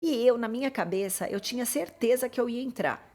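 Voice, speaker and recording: A Brazilian woman with a Brazilian Portuguese accent, a life coach telling a personal story in an animated, expressive way. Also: fairly quick. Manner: animated and expressive, pitch and loudness swinging as the story builds.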